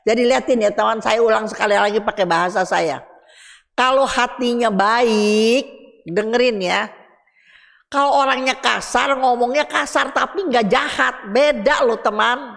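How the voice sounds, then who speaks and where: A woman's voice: a little high, normal speed, gravelly, fairly bright tone. A woman, giving a chatty Bible study talk and speaking directly to her listeners. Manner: chatty, addresses listeners directly, reads verses aloud. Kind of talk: casual Bible teaching. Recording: reverberant hall.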